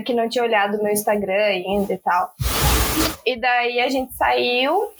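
A woman's voice: sits high, noisy background. A woman in a casual podcast chat, telling a story in a chatty way and laughing often. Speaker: podcast guest.

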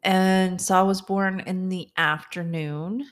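Woman, forties, podcast co-host, casual chat, dry deadpan teasing, lowish voice. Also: takes it slowly.

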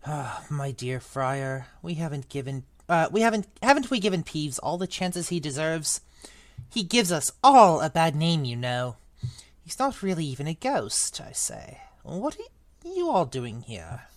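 A haughty ghost gentleman in a ruff, as a woman reader puts him on, grumbling low and hushed as if murmuring close. His tone rises and dips widely, with a dry sound. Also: very animated, unhurried, no room sound. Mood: disdainful.

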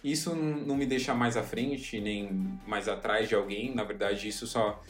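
A man's voice: lowish voice, steady tone, moderate pace, faint music behind. Chatty young man, self-mocking. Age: young adult. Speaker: podcast host. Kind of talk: casual monologue.

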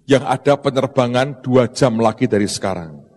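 A man voicing a timid airport ticket clerk who apologizes in a low, flat way. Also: moderate pace, long reverb tail, natural voice. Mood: apologetic.

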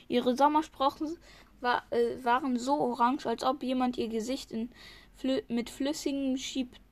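High-voiced woman reading aloud, stumbling. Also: darkish tone. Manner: stumbles and restarts often. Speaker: reader.

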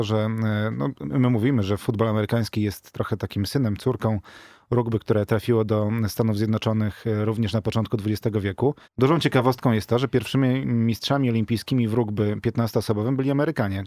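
Middle-aged man, lowish voice, dry studio sound, patient explainer with fillers. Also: warm tone, dry recording. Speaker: rugby club president, guest. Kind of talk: radio interview.

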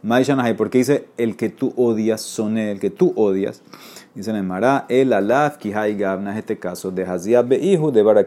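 A man's voice: lowish voice, warm tone. A man teaching a Talmud class, reading Aramaic and explaining it in Spanish, often checking with his listeners. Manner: reads Aramaic then explains in Spanish, asks "¿ok?".

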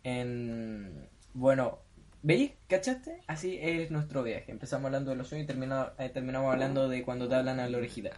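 A man's voice: mid-range voice, expressive, fairly quick, darkish tone. Chilean man hosting a casual podcast. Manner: laughing, slangy, talks over others. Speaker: podcast host.

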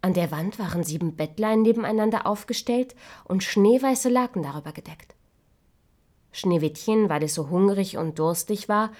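A woman reading a fairy tale aloud as narrator, in a measured voice that softens to a hush at times. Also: on the low side.

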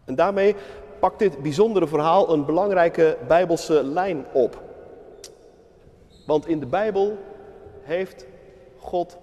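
A male preacher retells a legend in a measured storytelling sermon. His voice is high for a man, and a long reverb fills the church around him. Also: a little mellow.

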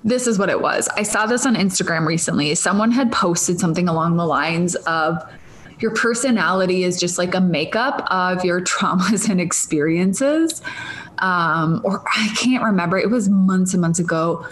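Here the same kind of host speaks: a woman in her thirties from Minnesota, with that state's accent, doing a loose solo podcast monologue full of wandering thoughts and laughter. Her voice sits fairly low, has a bit of brightness, and keeps a moderate pace.

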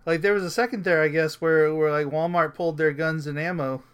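A man's voice: fairly high pitch, steady tone, brisk, clean tone. A man co-hosting a podcast in casual chat, rambling and hesitant with many fillers and restarts. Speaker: podcast co-host.

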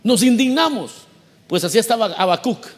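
A man preaching with a high, light voice. He talks to his congregation in a conversational way, keeps asking them questions and acts out the voices he quotes. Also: lively intonation, normal speed, long reverb tail. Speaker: pastor. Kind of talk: sermon.

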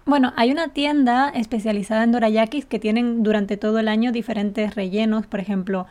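Woman, kinda high voice, chatting on a podcast, patient explainer, laughs a lot. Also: steady tone, brisk, darkish tone. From Canary Islands. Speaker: podcast co-host and Spanish teacher. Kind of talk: casual chat.

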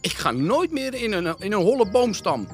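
A man's voice: high voice, sing-song, moderate pace, faint music behind, voice pushed up. Chrisley, a man doing a squealing girl bear cub. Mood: relieved. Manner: squealing, dramatic, giggly.

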